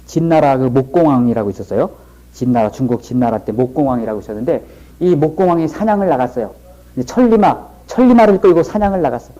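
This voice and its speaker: A man's voice: fairly high pitch, mellow, poor audio. A middle-aged man giving a lecture and telling stories in a folksy, plain-spoken way. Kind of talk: storytelling lecture.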